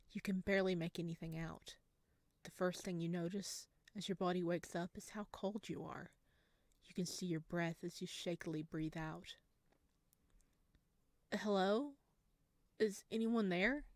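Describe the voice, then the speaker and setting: A female gaming YouTuber with a lowish voice reads a horror visual novel aloud in an expressive, animated way, then reacts to it. There's no room sound on the recording.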